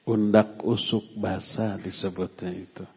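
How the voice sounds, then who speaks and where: A middle-aged man teaches a religious lesson at a deliberately slow pace. He speaks with emphasis and quizzes the listeners now and then. His voice rings in a long hall reverb through a dull, muffled recording. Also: fairly low pitch, flat delivery, breathy edge. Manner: unhurried, emphatic, quizzes the audience. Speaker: Islamic teacher. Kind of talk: religious study lecture.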